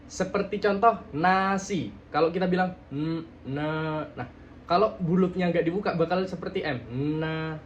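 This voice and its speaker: A young man talks through letter sounds one by one in a relaxed tutorial, drawing out each example word and slipping in teasing jokes. His voice sits a little high for a man. A faint hiss of room noise runs underneath. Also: dull audio. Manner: drawn-out demonstration sounds, joking asides. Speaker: student demonstrating articulation. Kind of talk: casual tutorial.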